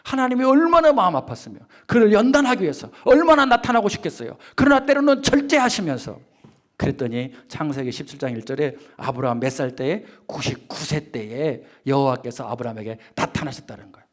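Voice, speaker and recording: A male pastor preaching a sermon in a slightly high voice that leaps up and down with lively intonation. He builds to loud emphatic peaks and then drops to a hushed whisper, throwing rhetorical questions at the congregation. Now and then he acts out the voices of the people in his examples. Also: brisk. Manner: acts out quoted voices of children and believers.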